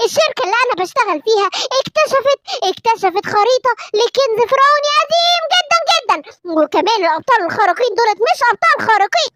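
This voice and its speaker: An honest cartoon father lion explains things earnestly in rapid Egyptian Arabic, as a woman puts him on. The voice is lowered but still high, bright in tone, and sits dry and close to the mic. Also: lively intonation, no room sound.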